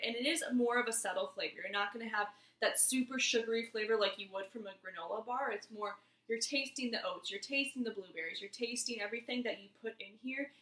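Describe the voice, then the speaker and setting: A woman's voice: fairly high pitch, bright, forceful tone. A woman in her twenties giving a casual cooking demonstration in her home kitchen, chatty and easygoing as she talks viewers through each step. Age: 20s. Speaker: cooking vlogger. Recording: roomy kitchen echo.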